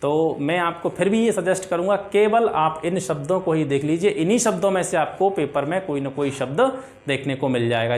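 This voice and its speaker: A man teaching a Hindi grammar lesson for exam preparation, listing example words and asking and answering his own questions. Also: on the high side. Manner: often adds filler checks like "theek hai".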